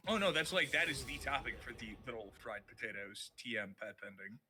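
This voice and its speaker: A man's voice: medium pitch, brisk, bright, forceful tone, a little hiss or hum. A man doing casual esports commentary, teasing his co-caster in dry, playfully formal phrasing. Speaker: esports shoutcaster.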